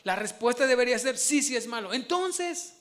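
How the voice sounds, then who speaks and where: A man's voice: very high voice, normal speed. A man preaching a sermon, asking his congregation questions as he goes. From Mexico. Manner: animated, asks the congregation questions.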